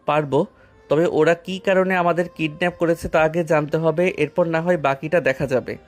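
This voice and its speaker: A man voicing a calm, teasing young hero who stays unfazed. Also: fairly high pitch, normal speed, soft background music, lightly acted. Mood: casual. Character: calm, cheeky young male hero Akash.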